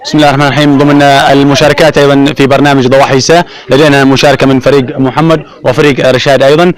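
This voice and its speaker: A man's voice: mid-range voice, little pitch movement, racing, faint music behind. A man hosting a contest show in formal announcer phrasing, calling out questions, winners and prizes. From Yemen. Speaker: host of a Ramadan contest show. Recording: crowd noise behind. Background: crowd of participants.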